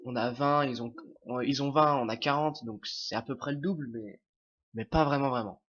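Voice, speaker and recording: With a slightly bright, medium-pitched voice at a moderate pace, a young man with a French accent offers casual commentary on his gameplay. He's sniffling from a cold and frequently hesitates, restarts and relies on fillers. The sound is dull and lo-fi, as from a cheap home mic.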